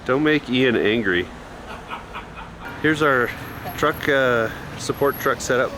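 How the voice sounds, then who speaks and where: Here a man with a mid-range voice speaks slowly against a noisy backdrop. Leading a motorcycle tour, he films the journey and narrates his travel video outdoors with an easygoing, humorous style.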